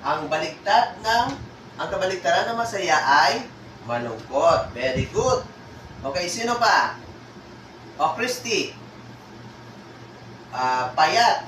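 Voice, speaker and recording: A man's voice: high-pitched, bright, forceful tone, slight background noise. A man teaching a class, patiently sounding out words syllable by syllable and mixing in English. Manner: mixes Tagalog with English and Ilonggo. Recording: echoey room from a distance.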